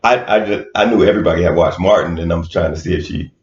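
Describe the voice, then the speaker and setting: A man's voice: low-pitched, fast, crowd noise. A man co-hosting a podcast in casual chat, laid-back and hesitant with many fillers. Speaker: podcast co-host. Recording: roomy, dull lo-fi sound.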